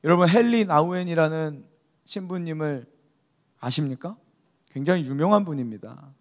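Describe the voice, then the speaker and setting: A man's voice: a little high, moderate pace. A male pastor preaching a youth service sermon, exhorting the congregation and calling for amens. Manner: exhorting, calls for amen.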